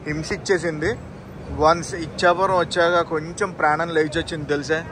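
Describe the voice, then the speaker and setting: A chatty man films himself on a train journey and talks to his viewers the whole way, pointing out tracks and stations. His voice sits a little high for a man. Loud rumble from the train and the station plays under every word. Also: fairly even intonation, brisk. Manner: chatty, addresses viewers directly, points things out. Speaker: train travel vlogger. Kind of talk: casual travel vlog narration. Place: on a train and station platforms, outdoors. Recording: train and station noise behind.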